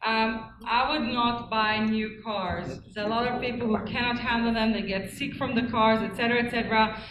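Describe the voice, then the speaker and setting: A woman's voice: on the high side, fairly even intonation, moderate pace, noisy background. Woman giving firm answers in a hall. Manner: direct, firm advice. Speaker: speaker answering audience questions. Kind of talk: public Q&A answers. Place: public meeting hall. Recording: echoey hall with crowd.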